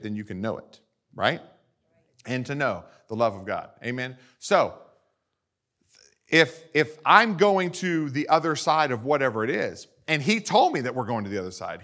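A male pastor preaching a sermon to his congregation, animated and often asking them for agreement. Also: mid-range voice.

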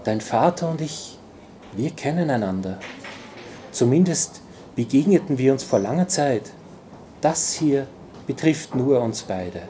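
A man reading aloud voices a mysterious, seductive woman with a smoky, quiet, coaxing voice. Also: medium pitch, lively intonation, unhurried, long pauses, slight background noise, natural voice.

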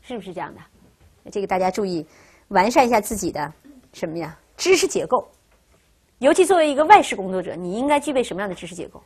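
Husky, lively woman teacher lecturing a class. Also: mid-range voice, fast talker. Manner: keeps asking the class rhetorical questions; checks in with frequent "right?". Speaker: Russian language teacher.

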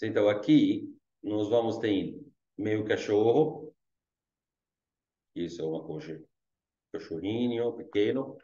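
A male Arabic teacher with an Arabic accent, giving an online language lesson in simple, slow explanations full of fillers. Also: lowish voice, warm tone, echoey room, muffled recording. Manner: explains slowly with many fillers like "gente" and "tá".

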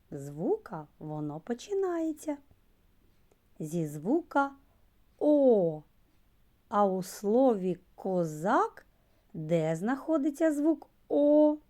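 A woman preschool teacher giving a slow literacy lesson to young children, stretching out sounds and key words. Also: mid-range voice, mellow. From Ukraine.

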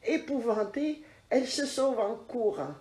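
A woman narrating a children's story in an expressive, lilting way. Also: a little high, a little slow. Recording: roomy echo.

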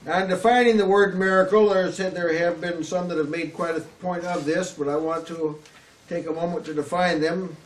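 Older southern preacher, kinda high voice, earnest, lots of restarts, roomy sound. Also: male voice, steady tone, normal speed. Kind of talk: sermon. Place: small room before a curtain backdrop, at a lectern. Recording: echoey room, slightly distant mic, faint hiss.

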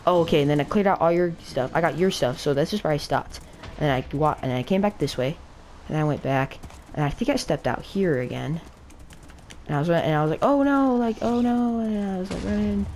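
A woman with a lowish voice chats casually while gaming. She talks through every step out loud and gets frantic and excitable when things go wrong. A faint hiss sits under her voice. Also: fairly quick. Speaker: gaming channel co-host. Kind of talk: casual let's play chat.

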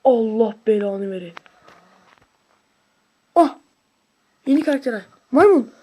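Slow-paced but still excitable, a video creator with a high voice talks through gameplay in a casual, slang-heavy way, letting out shouts and whoops along the way.

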